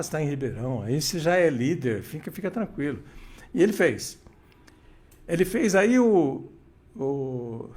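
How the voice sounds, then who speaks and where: With a mid-range, slightly mellow voice, an older man shares radio stories as a guest in a casual storytelling interview. He restarts often and slips into quoted dialogue.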